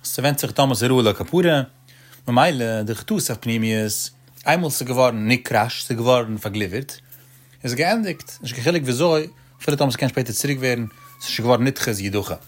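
Casting note: male Talmud teacher, middle-pitched voice, chanting sing-song lecture delivery. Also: lively intonation, brisk. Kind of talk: traditional Talmud study lecture.

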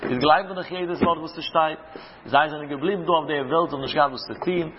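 A man's voice: on the high side, brisk, a little hiss or hum. A man giving a religious talk as a rabbi, teaching through anecdotes and rhetorical questions. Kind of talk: religious lecture with stories. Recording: reverberant hall, dull lo-fi sound.

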